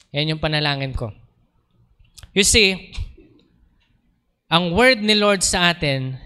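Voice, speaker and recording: A man preaching at a church service in a Filipino accent. His voice sits a little high and rings out clean and resonant. He tells a personal story, moving between Tagalog and English. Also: pushed and bright, clean tone. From Philippines. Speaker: pastor. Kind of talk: sermon with personal testimony.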